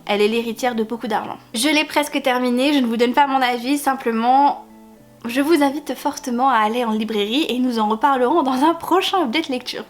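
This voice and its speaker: A woman chatting casually about books she bought, hesitating often and laughing now and then. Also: a little high. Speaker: book vlogger. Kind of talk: casual book haul chat.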